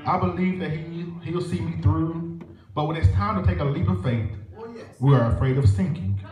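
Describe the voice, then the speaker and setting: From the pulpit stand mic, captured by a far camera, comes a young man's fairly high, slightly mellow voice with a Southern US accent, preaching and leading prayer at a moderate pace in rhythmic call-and-response. The church is echoey and distant, with organ music and a little hiss or hum.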